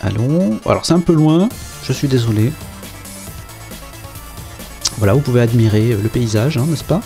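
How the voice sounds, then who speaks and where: A man's voice: mid-range voice, lively intonation, moderate pace, vocal fry, warm tone, soft background music. A man casually commenting on a game as he plays, chatty and hesitant, with many fillers and joking asides. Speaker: game video presenter.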